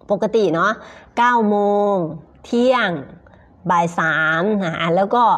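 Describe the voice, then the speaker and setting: A young woman with a Thai accent, speaking as a teacher on a live stream. She talks slowly and casually to her viewers and reads out their comments. Her voice sits at a middle pitch, with many fillers and polite particles at the ends of her phrases.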